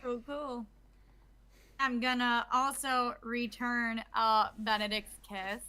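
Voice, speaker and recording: A woman plays a tabletop game and chats casually. Her voice is high-pitched, bright and sharp. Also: flat delivery, takes it slowly, smooth. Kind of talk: casual chat.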